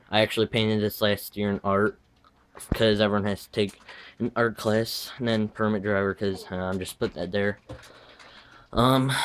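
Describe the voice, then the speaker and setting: A teenage boy, his voice lowish and fairly bright with a little hiss or hum on the recording, gives an offhand tour of his bedroom gaming setup on a handheld camera. His retainer gives him a slight lisp, and he wanders from topic to topic, correcting himself in asides.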